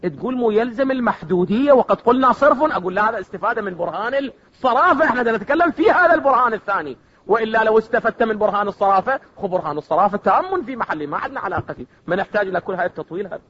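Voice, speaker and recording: A man with an Iraqi accent gives a classroom lecture, pitched high for a man. He keeps firing either-or questions at his students to check they follow. The recording is dull and lo-fi. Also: animated, very fast, a bit bright, husky. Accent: Iraqi Arabic. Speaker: seminary philosophy teacher.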